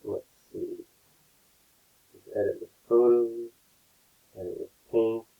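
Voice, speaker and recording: An art teacher with a low, gravelly voice takes students through a painting demo step by step, relaxed and constantly checking in with a quick "right?". The audio is a tinny, low-quality stream that sounds like a phone line.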